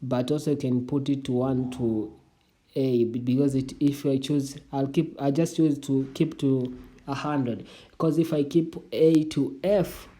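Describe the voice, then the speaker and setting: A young adult tutorial vlogger, first language Swahili, hesitantly takes viewers through an online application, restarting a lot and calling them "family." The tone is steady and mellow, at a medium pitch.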